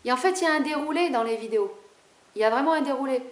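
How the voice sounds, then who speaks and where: A woman spiritual vlogger talking fast and animatedly to camera in a casual, rebellious way, with a high-pitched voice. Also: animated, reverberant.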